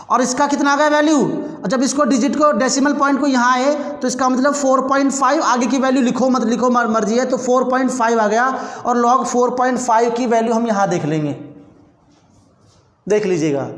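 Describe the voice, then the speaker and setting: A man teaching chemistry in a classroom lecture, walking students through each step and often calling them children. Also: very high voice. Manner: addresses students as children, repeats steps. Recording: echoey room with long reverb.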